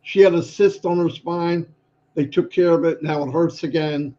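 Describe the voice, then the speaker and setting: An older man co-hosting a casual livestream, chipper and rambling, a bit hoarse. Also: fairly high pitch, steady tone, normal speed, mellow. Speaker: livestream co-host. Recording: muffled lo-fi stream audio.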